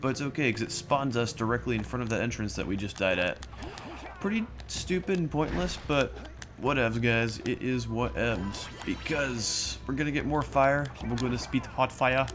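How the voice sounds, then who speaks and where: A man doing a grandiose made-up silly accent during gaming commentary, booming out pompous declarations. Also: normal speed, lightly acted. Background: game music.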